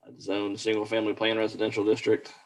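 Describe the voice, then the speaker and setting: A man's voice: on the low side, monotone, fast, rough recording. A man reading out a formal staff report at a public meeting in a plain, procedural way.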